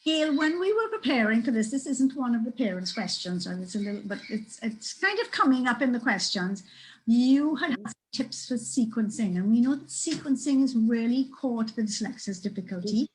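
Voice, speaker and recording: Trinidadian woman moderator, higher voice, firm and brisk, faint hiss. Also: expressive, rough recording. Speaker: webinar moderator. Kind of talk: moderating a panel discussion. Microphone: video call.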